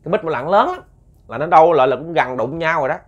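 A man telling a ghost story in a casual, animated way, repeating words for suspense and talking to his listeners. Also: on the high side, fast talker. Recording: muffled lo-fi recording.

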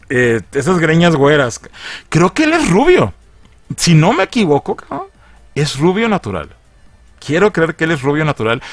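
A man's voice: a little high, fairly bright tone, dry recording. A man with a Mexican accent giving casual movie news commentary, rambling, slangy and full of swearing and jokes. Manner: profane, slangy, rambling and joking. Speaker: host of a movie news channel.

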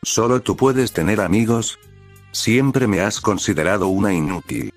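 Man reading a shy young heroine, low voice, faint music behind, fan story. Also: lively intonation, a little slow. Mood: tearful. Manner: shy, pleading, tearful. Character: timid lovesick young woman warrior.

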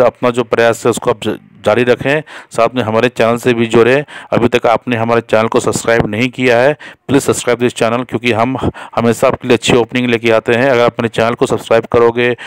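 A man's voice: mid-range voice, clean tone, no room sound. A man hosting a job channel, talking casually in an unscripted voice-over with many fillers and restarts.

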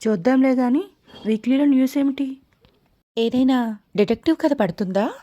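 A woman's voice: high voice, normal speed, warm tone, dull audio, natural voice. A woman voicing a weak, ailing elder sister in an audiobook story, speaking in a tired, sardonic, questioning way. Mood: skeptical.

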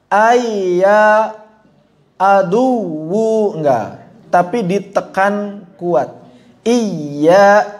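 A male teacher leads a live tajwid class, sounding out letters one by one and asking students to repeat them. His voice sits high and he speaks slowly and deliberately. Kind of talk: live classroom lesson on Quranic letter pronunciation. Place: training hall, in front of a class.

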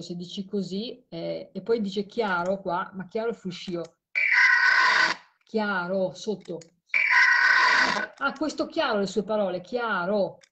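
A woman's voice: medium pitch, dull audio, heavy background noise. A tired woman hosting a late live stream, talking to a caller while she replays audio clips. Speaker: host of a live show on spirit voice recordings.

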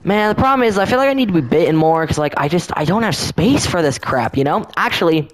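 A man giving casual let's-play commentary, chatty and excitable, often talking straight to the enemies on screen. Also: high voice, fast. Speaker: gameplay commentator.

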